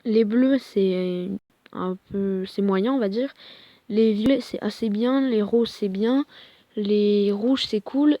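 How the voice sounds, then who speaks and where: A young woman talks casually over a mobile game, hesitant, full of fillers and quick apologies. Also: on the high side, dark tone, no room sound. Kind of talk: casual gameplay commentary.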